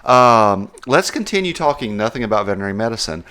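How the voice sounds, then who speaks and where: Low-voiced man with a West Texas twang. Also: big pitch swings, fast, crowd noise. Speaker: podcast co-host. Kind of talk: casual chat.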